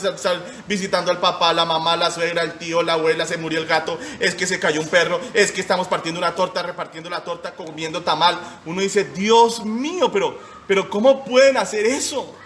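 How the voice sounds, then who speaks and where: A man's voice: fairly high pitch, a bit bright, slight background noise. A man in his forties preaching a short sermon as pastor, emphatic and firing rhetorical questions at his listeners. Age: 40s.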